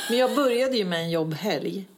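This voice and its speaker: A woman's voice: medium pitch, animated, husky. A middle-aged woman co-hosting a casual chat, giving short encouraging replies and telling everyday stories. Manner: warm listener, gives short encouraging replies. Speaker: podcast co-host.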